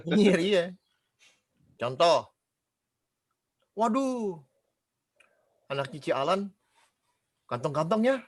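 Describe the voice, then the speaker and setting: A man preaching a casual sermon, animated, quizzing the congregation and mimicking gossiping people. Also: a little high.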